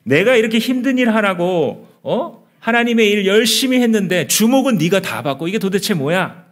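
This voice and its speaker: A man's voice: mid-range voice, very animated, measured pace, warm tone, husky, exaggerated voice. A man voicing a resentful, jealous young man who rants mockingly at his brother. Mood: ranting. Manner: mocking, ranting, raised voice.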